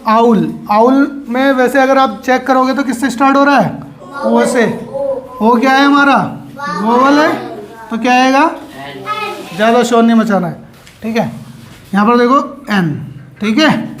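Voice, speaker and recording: A woman's voice: fairly high pitch, a crowd in the background. A woman teacher, giving a grammar lesson to children in a classroom. She asks questions and answers them herself, stretching out key words. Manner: drawn out, slow words for emphasis.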